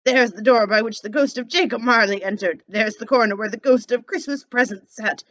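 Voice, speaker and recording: A woman voicing an elderly male miser who is overjoyed, talking excitedly and loudly. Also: a little high, fairly quick, highs cut off, lightly acted. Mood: giddy. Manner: excited, shouting, laughing.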